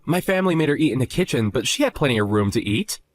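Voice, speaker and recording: A man's voice: mid-range voice, sing-song, quick pace, no echo, clean studio sound, natural voice. A man voicing Justin, a young husband who argues defensively and indignantly in a dramatized chat story.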